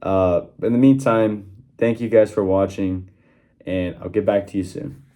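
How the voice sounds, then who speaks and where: A young man with a lowish, warm, mellow voice talks casually into his phone in a small workroom. He wanders through his points with frequent fillers and restarts, and the sound has the plain quality of a phone recording. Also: fairly even intonation, measured pace. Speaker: channel host giving sports predictions. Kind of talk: casual one-take vlog talk.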